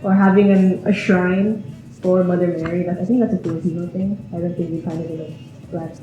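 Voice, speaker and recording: A woman in her twenties from Vienna, Austria, chats and giggles through a personal interview, often breaking into laughter. Her voice is fairly low, fairly even and a little fast. The dull audio has a roomy echo and faint music behind it.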